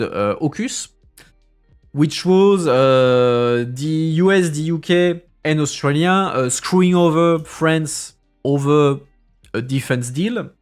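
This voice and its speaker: A man's voice: on the high side, darkish tone. Casual man riffing on news articles. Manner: reads articles aloud then breaks into loose, sarcastic asides; hesitant, many fillers and restarts while thinking aloud. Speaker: streamer reviewing EU news. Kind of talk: casual live-stream news commentary.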